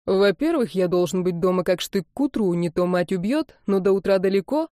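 A woman's voice: medium pitch, lively intonation, a little fast, dark tone, no room sound, studio quality, close to an everyday voice. A woman voicing a teasing, laid-back young rocker man in an audiobook. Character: rough cheerful long-haired young rocker man.

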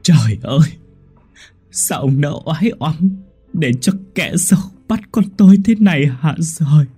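A man playing a grief-stricken mother in a horror audio story, her wailing lament pitched well up and strained. The voice stays husky and dark underneath. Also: expressive, measured pace, soft background music. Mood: anguished. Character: grieving mother wailing for her lost son.

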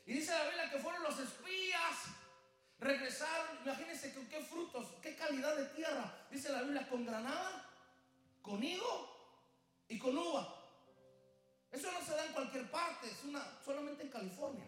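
A male pastor, preaching an animated, joking sermon and firing questions at the congregation. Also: very high voice, moderate pace. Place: large church. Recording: very echoey church with faint music.

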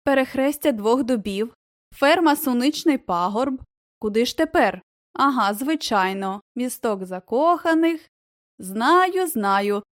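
A woman's voice: fairly high pitch, lively intonation, a little slow, no echo, studio quality. A woman reading aloud and voicing a sly, cheeky old female crow who chatters gleefully. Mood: muttering, gleeful.

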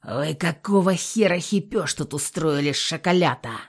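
A coarse, jeering male thug guard, as a woman reader puts him on, barking insults and swearing. The voice sits low and loud, full of lively swings. It comes from an audiobook. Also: a little slow, husky, full character voice. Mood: mocking crude. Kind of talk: audiobook reading.

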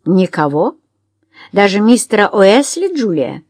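A woman's voice: mid-range voice, big pitch swings, measured pace, darkish tone, no room sound. A woman voicing a timid young woman who is anxious and cries out sharply when alarmed.

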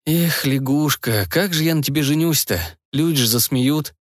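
A man's voice: fairly high pitch, normal speed, no room sound, studio quality, natural voice. A man reading an audiobook and voicing a naive, sulky fifteen-year-old prince who drawls and whines. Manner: whiny, drawling.

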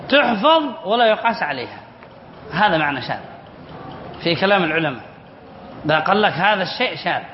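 A man, a sheikh, teaching Arabic spelling rules in a class, reading a text and explaining it, asking questions and answering them himself. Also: high voice. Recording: muffled roomy lecture recording with faint hiss.

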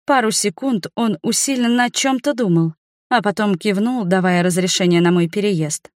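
A woman narrating a fantasy novel in the first person, in an even storytelling manner, close to the mic. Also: medium pitch, normal speed, no echo. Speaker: audiobook narrator.

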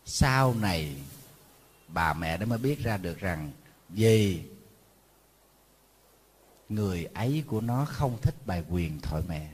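Husky monk telling stories. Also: male voice, sits low, a little slow, pauses often. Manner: lively storytelling, acting out family quarrels, scolding asides. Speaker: Buddhist monk teacher. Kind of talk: conversational sermon to an audience.

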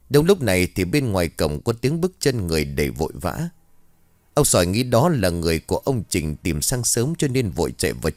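A man narrating a ghost story in an expressive, dramatic way. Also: sits low, no echo, clean studio sound.

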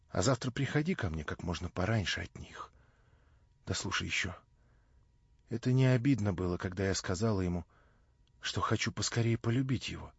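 Weary, soft-spoken young woman, read by a man, dry close audiobook sound. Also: deep voice, gravelly, husky, no room sound, lo-fi sound, exaggerated voice. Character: tired anxious young woman.

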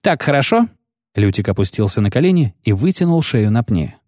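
A male audiobook narrator with an animated, swinging delivery. He reads expressively and theatrically. The sound is close and dry. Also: fairly low pitch, fairly quick, no echo. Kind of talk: scripted narration.

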